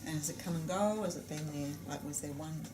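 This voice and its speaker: A woman leading a tapping therapy demonstration in a class, asking gentle probing questions and affirming often. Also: deep voice, fast, over music. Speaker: EFT practitioner running a class.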